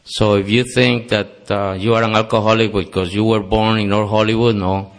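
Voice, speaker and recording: Speaking at a moderate pace in a fairly low, flat voice, this Costa Rican man shares an earnest testimony at a recovery meeting and pokes fun at himself along the way. Spanish is his native tongue, and his accent is Costa Rican Spanish. Background noise fills the meeting hall.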